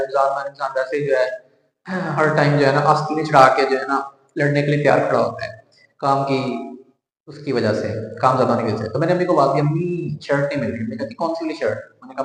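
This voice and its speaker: A man, a chemistry teacher chatting to his students and retelling a story with lively quoted dialogue. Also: fairly high pitch. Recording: very echoey, reverberant room.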